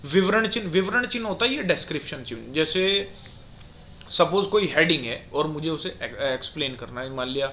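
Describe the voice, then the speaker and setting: A man's voice: a little high, lively intonation, brisk, pushed and bright, a little hiss or hum. A male teacher patiently explaining a grammar lesson, often checking that viewers understand.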